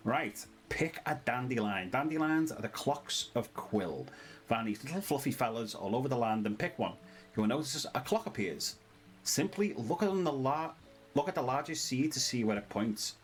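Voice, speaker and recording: A man's voice: medium pitch, rough recording. A British man doing casual let's-play commentary, chatty and reading the game's text aloud in a sing-song way. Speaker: gaming channel host.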